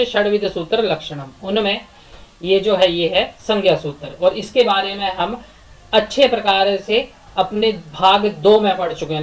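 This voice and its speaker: A woman's voice: medium pitch, low-quality recording. Woman teaching Sanskrit grammar step by step. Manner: explanatory, repeats and asks rhetorical questions; chants Sanskrit verses in measured rhythm. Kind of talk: recorded lecture.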